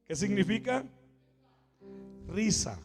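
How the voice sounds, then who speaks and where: A Mexican pastor with a high, ringing voice preaches in a reverberant church hall. He swings from hushed asides to fervent shouts and repeats his address to the congregation again and again. A guitar plays clearly behind him. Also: very animated, slow. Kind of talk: Pentecostal sermon.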